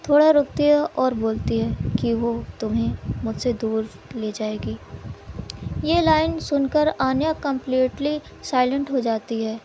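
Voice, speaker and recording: Slow, high-voiced woman storyteller. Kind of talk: scripted story narration. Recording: muffled, with steady background noise.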